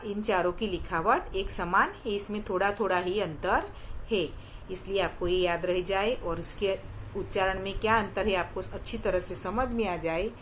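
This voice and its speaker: A woman's voice: mid-range voice, slight background noise. A woman teaching young children at a primary school, going through each step patiently and repeating questions to the class, with a Gujarati-influenced Hindi accent. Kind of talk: slow recorded lesson for young children.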